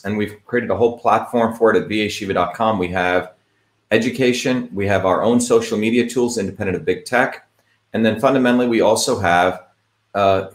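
A man's voice: on the low side, roomy sound. A man from India giving a rambling, emphatic lecture-style talk, full of fillers and "quote unquote" asides. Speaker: host of an online talk.

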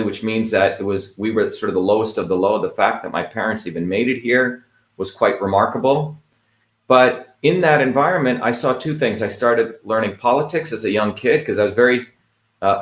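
A man's voice: on the low side, roomy sound. A man from India giving a rambling, emphatic lecture-style talk, full of fillers and "quote unquote" asides. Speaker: host of an online talk.

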